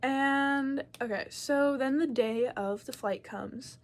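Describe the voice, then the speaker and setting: A woman's voice: high-pitched, slow pace. A young woman casually telling a personal story to camera, frank and swearing freely, with lots of filler words. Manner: animated, shifting loudness as she tells it. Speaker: vlogger.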